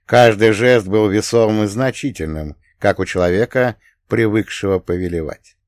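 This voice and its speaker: Male audiobook narrator, low voice, steady first-person read, dry close sound. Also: moderate pace, dry recording.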